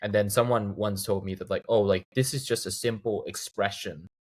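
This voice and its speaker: A man in his thirties from Thailand, a guest chatting casually in an interview and acting out examples as he talks. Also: normal speed. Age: 30s. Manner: animated storyteller, acts out quoted lines in a higher voice. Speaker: guest, video game composer.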